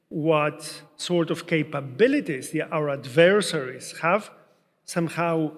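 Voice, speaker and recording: Moderator with a higher voice in a hall. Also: male voice. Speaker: panel moderator. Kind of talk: moderating a conference panel. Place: conference hall. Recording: long reverb of a conference hall.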